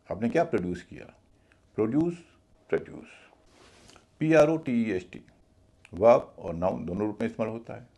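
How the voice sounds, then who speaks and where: Gravelly-voiced male pronunciation teacher. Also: mid-range voice, darkish tone. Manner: spells words letter by letter, repeats contrasting pronunciations. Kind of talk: explanatory video lesson.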